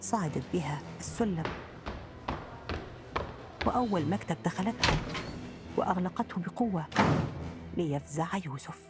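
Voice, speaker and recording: A woman narrating a radio drama in formal Arabic, in a measured storytelling manner. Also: on the low side, animated. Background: background music.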